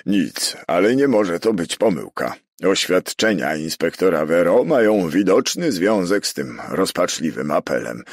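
Brief: male narrator as an agitated prefect, emphatic and husky, dry close sound. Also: low voice, sing-song, a little slow, no echo, exaggerated voice. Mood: worried. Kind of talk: audiobook character reading.

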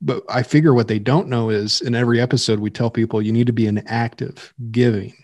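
Emphatic pastor hosting a podcast. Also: male voice, fairly even intonation, fast, darkish tone, no echo. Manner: emphatic, preachy, rises in pitch and volume when worked up. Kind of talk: casual podcast discussion.

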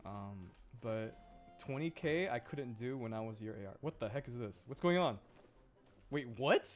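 Mid-range and animated, this man talks at a normal speed while livestreaming a game with game music playing. As a VTuber host, he chats casually, reacting to play and chat in a giggly, easily amused way.

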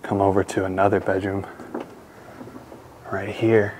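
A young man casually narrating a walkthrough of an empty mansion, talking to his viewers with excitement. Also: low voice, unhurried, a little hiss or hum. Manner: excited, addresses viewers as guys. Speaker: urban explorer vlogger. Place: large empty mansion indoors.

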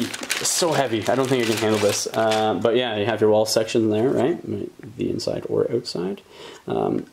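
A man in his thirties hosts a casual hobby unboxing and talks in a rambling, eager way. His voice has a gravelly edge. A faint hiss sits behind it. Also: on the low side, a little mellow. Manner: rambling, enthusiastic, many ums and likes. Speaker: hobby channel host.

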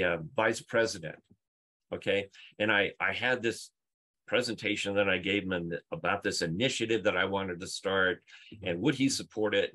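A deep, slightly bright male voice belongs to a middle-aged conference speaker and UX leader. He's indoors in a book-lined home room, presenting on a video call and making emphatic points with stories and rhetorical questions.

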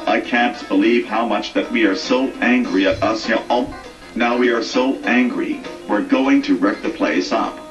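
A male computer voice playing a troublemaking schoolboy, flat and synthetic, heard far off with echo and faint music as if taped from a TV. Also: mid-range voice, measured pace, lo-fi sound, close to an everyday voice. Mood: defiant. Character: troublemaking rude schoolboy, defiant and goofy.

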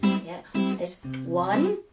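A woman hosting a children's music show, chatting and singing playfully with an animated, sing-song delivery in a garden shed. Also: medium pitch, drawn-out words. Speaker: children's entertainer host. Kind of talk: cheerful chat and singing for young children. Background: acoustic guitar.

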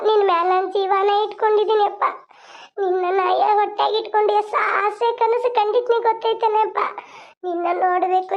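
A woman voicing a grieving young mother with a North Karnataka Kannada accent, mourning her newborn in a pleading lament. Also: very high-pitched. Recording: dull lo-fi sound.

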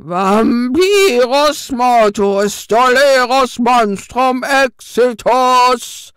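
A woman voicing a pompous old male ghost who hunts vampires, booming out threats and chanting slow incantations. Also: very animated, creaky, a bit bright, full character voice.

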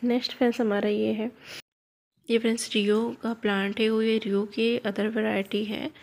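A woman's voice: fairly high pitch, little pitch movement, moderate pace, a little mellow. A woman vlogger chatting to her viewers as she plants cuttings in her home garden, filming on a phone she holds in one hand. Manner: chatty, addresses viewers as friends. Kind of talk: casual gardening walkthrough. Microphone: phone held in hand.

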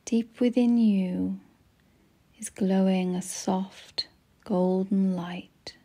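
Speaking almost in a whisper, this woman guides listeners through a meditation with a hushed, breathy quality. Her pace is unhurried and calming, broken by lengthy pauses, while her pitch holds steady in the middle range for a smooth, gentle delivery.

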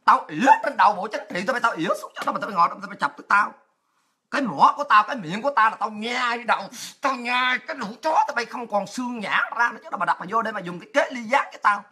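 A woman with a Southern Vietnamese accent, hosting a livestream and delivering a crude, taunting political rant with frequent shouting. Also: fairly high pitch, expressive, very fast, breathy edge. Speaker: livestream host.

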